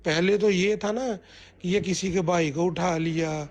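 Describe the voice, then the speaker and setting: High-pitched man in heated political commentary. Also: fairly even intonation, a little slow. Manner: rambling with restarts and fillers. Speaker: commentator on a group call.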